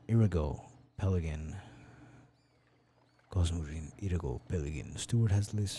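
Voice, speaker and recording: A young man streaming a game, reading its text aloud in a hushed voice and commenting on it. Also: sits low, slight background noise.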